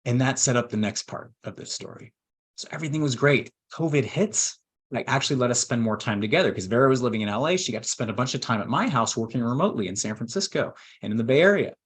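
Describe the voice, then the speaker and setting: A man in his forties, an estate planning attorney, telling a heartfelt personal story in a webinar with earnest pauses and restarts. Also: mid-range voice, animated, slightly rough. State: emotional at times.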